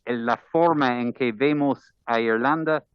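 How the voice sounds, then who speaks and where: A man from Ireland, unhurried and medium-pitched with a clean tone, reads an ambassador's formal address in careful Spanish, his second language, in an Irish accent. Though the recording is dry, the committee-room audio sounds dull and muffled.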